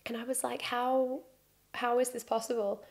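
Her voice a little high, gravelly and darkish, with little pitch movement and a moderate pace, a British woman in her thirties guests on a podcast. The freediving instructor sits on a studio sofa by a plain wall, headphones on and near a desk mic, telling her story in a relaxed chat full of self-mocking humor.

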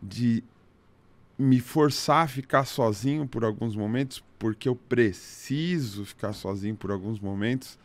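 Slangy Brazilian man hosting a podcast. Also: medium pitch. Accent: Brazilian Portuguese. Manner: casual, slangy, halting with restarts. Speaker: podcast host. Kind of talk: casual podcast interview.

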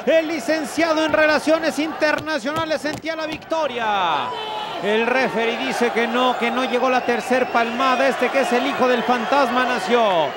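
A man with a Mexican accent giving excited, emphatic wrestling commentary with the patter of a ringmaster. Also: very high voice, moderate pace. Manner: showman-like, emphatic. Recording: very loud arena crowd behind.

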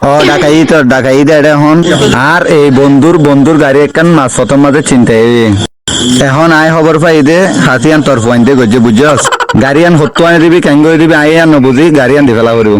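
A bossy local fixer, acted by a man in a homemade comedy skit, speaks in a Chittagonian Bengali accent. His voice sits fairly high and he talks quickly. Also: close to an everyday voice, poor audio. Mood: commanding, reassuring. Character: bossy local fixer men turn to for help. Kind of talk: amateur comedy skit acting in dialect.

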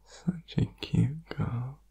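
A man playing a needy, sleepy, affectionate boyfriend in an ASMR whispered role-play, tender and clingy, with a husky, creaky whisper. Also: mid-range voice, warm tone, full character voice. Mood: sleepy, loving. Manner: slow, tender, clingy, soothing. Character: needy, sleepy, affectionate boyfriend cuddling his partner in bed.

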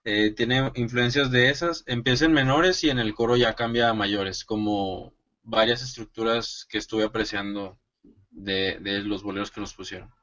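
A man, a songwriting student, presents his own bolero and sings it over a guitar, softly spoken between verses. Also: fairly even intonation, moderate pace, dull audio. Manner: soft-spoken, brief replies, then sings with rising pitch.

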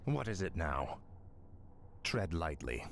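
Gravelly deep undead insect lord. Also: male voice, sing-song, background noise, exaggerated voice. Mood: haughty, irritated. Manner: menacing, imperious, slow drawl. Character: contemptuous undead nerubian lord, huge proud insect king. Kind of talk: video game unit voice acting. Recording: loud game music over voice.

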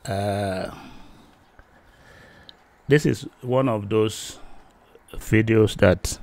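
This solo teaching video features a fifty-something Nigerian man with a Yoruba accent and a voice on the low side, speaking into a close desk microphone in a small indoor room. Slow, halting and filler-heavy at first, he gets louder and more forceful over time.

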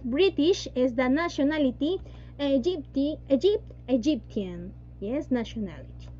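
This is a high-voiced woman teaching English online, alternating Spanish and English and leaning on repeated "yes" and "¿no?". Her video call comes through as dull lo-fi audio with a faint hum.

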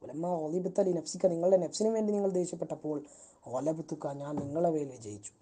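A woman's voice: sits low, quick pace, dark tone. A woman teacher reading a story phrase by phrase and translating each line as she goes. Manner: reads each phrase, then explains it in her own language.

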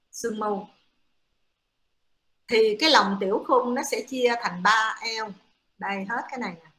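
Woman lecturing with fillers, bright echoey voice. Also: fairly high pitch. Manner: explanatory, many fillers. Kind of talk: classroom lecture. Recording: echoey room.

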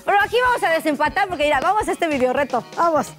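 A woman's voice: high voice, animated, rapid-fire. A Mexican woman hosting a rowdy comedy game show, brash and teasing, swearing freely. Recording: loud music and crowd behind.

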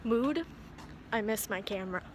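High-voiced chatty teenage girl vlogging. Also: expressive, normal speed, slight background noise. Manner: rambling, chatty and self-mocking. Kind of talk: casual vlog chat. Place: at home indoors. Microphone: phone held at arm's length.

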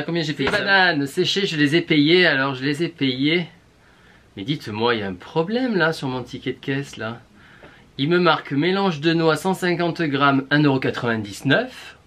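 A man with a southern French accent, a beauty vlogger, chats casually to viewers in a shopping haul vlog, playful and full of exclamations. His mid-range voice has a fairly bright tone. A little hiss or hum is audible.

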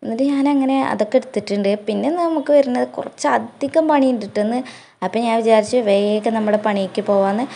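Young woman vlogger, Malappuram Malayalam accent, chatty voice-over, quick and slightly high. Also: gravelly, dark tone. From Kerala, India. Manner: chatty, tags sentences with a friendly "tto". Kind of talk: chatty home vlog voice-over.

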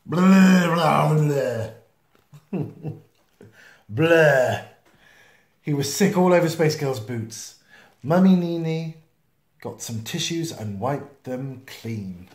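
In a small indoor room, seen close up on camera, a storytime reader reads a children's picture book aloud. His somewhat high voice is slow, expressive and playful, sprinkled with sound effects and asides, and the home video audio has a roomy echo.

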